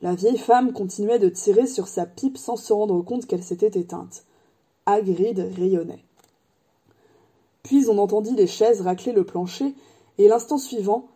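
A woman narrates a storybook at a measured, steady pace. Her voice is very dark and mellow, with a husky, breathy grain. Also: mid-range voice. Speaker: audiobook reader.

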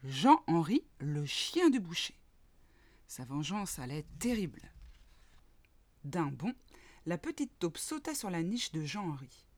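Woman storyteller, children's story, slow unhurried delivery, playful, very dry close sound. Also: lowish voice, no room sound. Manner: expressive, playful, with sound effects. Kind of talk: children's story read aloud.

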